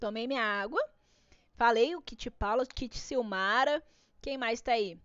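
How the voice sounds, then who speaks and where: A woman's voice: on the high side, moderate pace, a bit bright, no room sound. A Brazilian woman with a Brazilian Portuguese accent hosting a craft live stream, chatty and bubbly, greeting viewers by name. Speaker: art class host. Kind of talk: casual live-stream chat. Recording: dull dry lo-fi stream audio.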